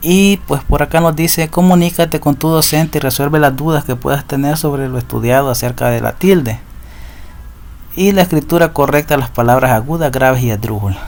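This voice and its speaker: A man's voice: mid-range voice, a little mellow. A man teaching a recorded lesson, patiently explaining rules and often checking in with his students. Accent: Central American Spanish. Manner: patient, repeats rules and asks ¿verdad?.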